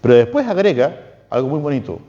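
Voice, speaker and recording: A man's voice: fast, long reverb tail, lo-fi sound. A man with a Chilean accent, a priest giving a spiritual lecture, posing questions and quoting texts with emphatic rises. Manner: lively, questioning, quotes texts with emphatic pitch leaps.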